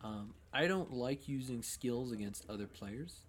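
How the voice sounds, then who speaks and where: A man's voice: mid-range voice, lively intonation. Young man running a tabletop game. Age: young adult. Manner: casual, halting, with many fillers. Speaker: game master.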